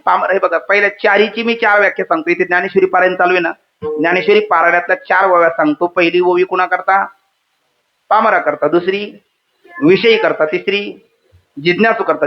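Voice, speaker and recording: Speaking fairly quickly in a high voice, a man leads a devotional kirtan sermon in a hall with a live audience. It's interactive: he quizzes the crowd, asks them to repeat words, recites verses and drops humorous asides. The recording is dull and lo-fi.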